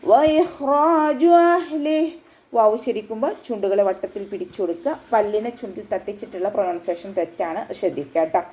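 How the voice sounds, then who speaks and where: A woman's voice: medium pitch, fast talker, few pauses, warm tone, low-quality recording. A woman Quran teacher giving a patient, step-by-step tajweed lesson, often checking that her students follow. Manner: patient step-by-step instruction, with frequent checks for understanding.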